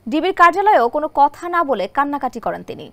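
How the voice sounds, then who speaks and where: Female Bangladeshi news narrator, formal and measured, high register, dry recording. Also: sing-song, vocal fry, fairly bright tone, dry recording.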